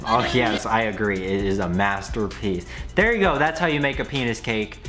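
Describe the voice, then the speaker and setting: A man's voice: fairly low pitch, normal speed, fairly bright tone, soft background music. A young man reacting to online videos with sarcastic, mock-outraged comedic commentary.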